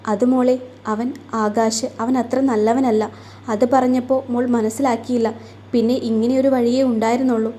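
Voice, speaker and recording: A gentle older father figure in a storybook romance, soothing and patient, as a woman narrator puts him on. He speaks slowly in a mellow, flat voice. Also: fairly high pitch, a little hiss or hum, natural voice. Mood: coaxing.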